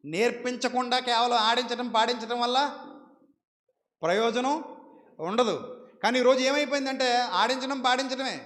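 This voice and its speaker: Man, Telugu accent, middle-aged preacher, high voice, emphatic sermon, reverberant room. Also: normal speed, long pauses, a bit bright. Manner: emphatic, asks the congregation questions and answers them. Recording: echoey hall.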